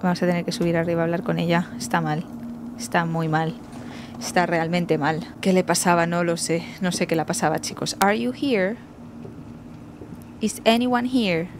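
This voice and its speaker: A young woman from Spain with a Spanish accent, playing a horror game and commenting, shrieking and swearing when startled and speaking slow, loud English to the game. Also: fairly low pitch, level tone, background noise. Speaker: gaming streamer. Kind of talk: let's play commentary.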